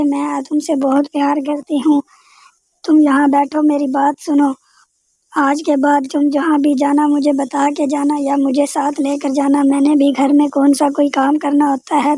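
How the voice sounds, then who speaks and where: A woman's voice: high voice, warm tone, dry recording, lightly acted. A woman voicing a loving grandmother in a children's cartoon story, speaking in a soothing, coaxing, affectionate way. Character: loving, gently scolding grandmother.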